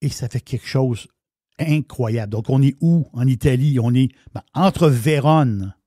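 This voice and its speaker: A man's voice: medium pitch, measured pace, dark tone, no echo, clean studio sound. A man with a Québécois French accent giving a wine segment on a radio show, in enthusiastic, rambling casual chat with many restarts. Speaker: wine columnist.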